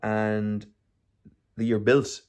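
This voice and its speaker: A man's voice: fairly low pitch, flat delivery, very slow, a little mellow, clear, resonant tone. A young man hosting his own podcast, chatting casually in a rambling, slangy way with some swearing. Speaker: podcast host. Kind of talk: casual solo podcast chat.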